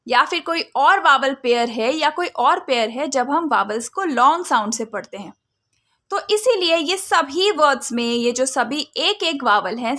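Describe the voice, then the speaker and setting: A woman hosting a phonics lesson channel, explaining spelling rules deliberately and sounding words out letter by letter, mixing English phrases into her explanations. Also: high-pitched, pushed and bright. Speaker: phonics teacher and channel host.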